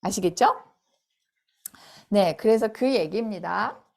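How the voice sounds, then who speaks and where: A middle-aged woman teaching a phonics lesson in a casual spoken style, explaining slowly and repeating sounds out loud to model them. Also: mid-range voice, vocal fry.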